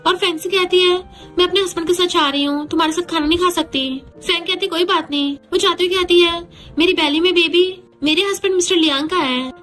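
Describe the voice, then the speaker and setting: High, fast-talking woman narrator. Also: fairly bright tone. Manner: voices every character in quoted lines without changing voice. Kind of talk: dramatic drama recap narration.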